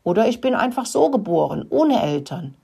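A woman voicing a clueless, quick-tempered young male rat in a storybook reading, whiny and grumbling. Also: medium pitch, sing-song, gravelly, husky, voice pushed up, exaggerated voice. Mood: plaintive. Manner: whiny, grumbling, gets loud.

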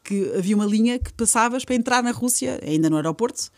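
A quick-talking woman with a European Portuguese accent, a guest telling stories in casual chat. She acts out quoted lines with lively energy. The sound is dry and close, with no room echo. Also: a little high. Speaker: podcast guest.

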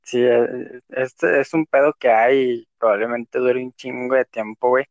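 A man's voice: medium pitch, a little slow, no room sound. Slangy Mexican man, dull lo-fi sound. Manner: slangy and relaxed, full of swearing and filler. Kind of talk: casual chat. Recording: dull lo-fi recording.

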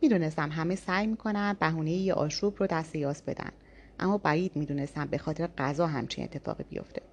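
A woman narrating a first-person audiobook story in a calm, even reading voice. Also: low-pitched, dull audio, slight background noise.

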